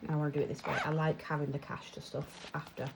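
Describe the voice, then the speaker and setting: This young UK vlogger speaks fast in a low-pitched, level, creaky voice, rambling chattily and laughing at herself. She's counting and sorting her cash, and background noise is present.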